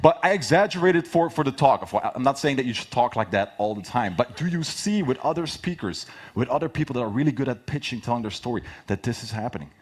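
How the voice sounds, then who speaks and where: A man with a slightly husky, mid-pitched voice speaks as a public speaking coach demonstrating on stage. His delivery is projected and emphatic, and he drives points home by repeating short phrases. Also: lively intonation, quick pace, hardly any pauses. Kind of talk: live workshop presentation with demonstrations.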